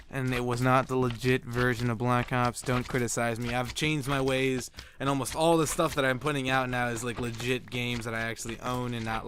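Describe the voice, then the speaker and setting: A gaming YouTuber tells a funny childhood story, rambling casually with plenty of "like" and swearing, and laughing at his own punchlines. His voice is medium-pitched and fairly bright, with slight background noise.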